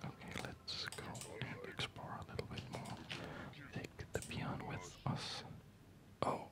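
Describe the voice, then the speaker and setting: Playing a video game, a person offers whispered ASMR narration of their own play. The delivery is breathy and slow-paced, quietly musing, with background music.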